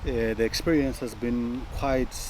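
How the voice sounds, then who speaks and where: Malawian-born guy in his 40s, halting chatty talk, noisy spot. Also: mid-range voice, fairly even intonation. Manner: hesitant, many fillers and restarts. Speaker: guest. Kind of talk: casual interview chat.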